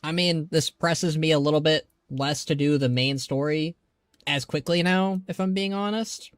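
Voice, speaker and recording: A man's voice: fairly high pitch, normal speed, no echo, studio quality. A man doing casual live game commentary, rambling conversationally as he thinks aloud. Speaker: live streamer.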